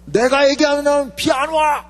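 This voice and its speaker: Man acting out a fearless prophet yelling challenges, high and fiery, big echoey hall. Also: a little fast. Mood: defiant. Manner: shouting challenges. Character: fearless, defiant prophet, middle-aged man. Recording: reverberant hall with faint hum.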